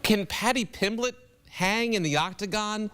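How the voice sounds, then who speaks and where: A man's voice: high-pitched, a little slow, fairly bright tone, clean tone. A man hosting a sports recap discussion from a studio set, putting questions to his panel. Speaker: sports show host.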